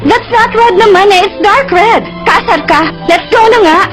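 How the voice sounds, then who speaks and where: A woman's voice: sits high, expressive, quick pace. An actress playing a spoiled, jealous rich young girlfriend, whiny and demanding, mixing in English, in a dubbed drama. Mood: petulant, bossy. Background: music.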